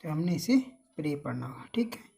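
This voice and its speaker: A woman's voice: sits low, very animated, fairly quick, creaky, warm tone, husky. A woman teaching English reading, drilling words by asking a question and then answering it herself. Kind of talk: slow phonics lesson.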